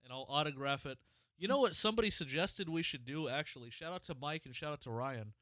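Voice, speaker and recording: Man co-hosting a podcast, casual profane rants, fairly high voice, dry sound. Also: quick pace, no room sound. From Ohio, United States. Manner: profane, animated ranting. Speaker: podcast co-host. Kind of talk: casual chat.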